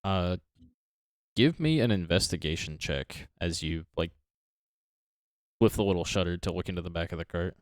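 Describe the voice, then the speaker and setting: A man's voice: low-pitched, moderate pace, long pauses, no echo, studio quality. A man narrating a tabletop game as dungeon master, describing scenes loosely with lots of fillers.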